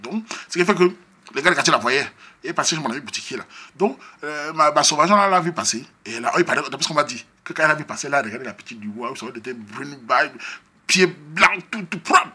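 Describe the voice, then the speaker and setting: A Cameroonian comedian with a Cameroonian French accent telling a comic story from his neighborhood, animated and acting out the scenes. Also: on the high side, fast, husky.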